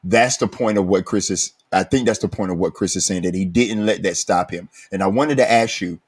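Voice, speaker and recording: A man's voice: low-pitched, brisk, slightly rough. A man hosting a recovery podcast, earnest and emphatic, speaking in a preacherly, encouraging way. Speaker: podcast host.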